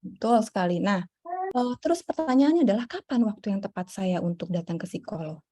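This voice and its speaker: A woman psychologist answering audience questions in a relaxed, explanatory talk, with frequent fillers and a style touch. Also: mid-range voice, fairly quick. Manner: warm explanatory, many fillers. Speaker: psychologist guest. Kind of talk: casual Q&A talk.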